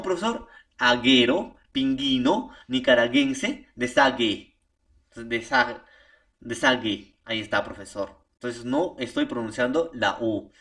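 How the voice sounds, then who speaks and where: Animated Peruvian teacher, repeating tag questions. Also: male voice, fairly high pitch, vocal fry, far from the mic. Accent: Peruvian Spanish. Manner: animated, repeats "profesor" and "¿no?" as tags. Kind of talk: recorded remote language lesson.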